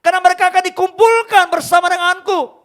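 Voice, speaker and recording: God, consoling a grieving son; a pastor performs it loud and high in the pulpit. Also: male voice, steady tone, quick pace. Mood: tender rebuke. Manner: loud, soaring, pleading reproach. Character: God speaking tenderly to his grieving son. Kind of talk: preached quotation in a sermon.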